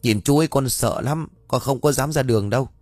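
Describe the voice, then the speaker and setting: A man's voice: medium pitch, brisk, darkish tone, no echo, clean studio sound, close to an everyday voice. A man voicing a small, scared and innocent boy in an audio ghost story, speaking in a plaintive, childlike way. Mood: frightened.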